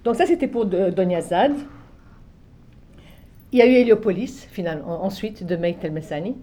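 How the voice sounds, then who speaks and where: Speaking at normal speed in a mid-range, dark and mellow voice, an older woman from Egypt talks about her years as a literary translator. She is a native speaker of both Arabic and French. It is a relaxed recollection, reflective and musing, with many restarts, repeated points and soft phrases that trail away.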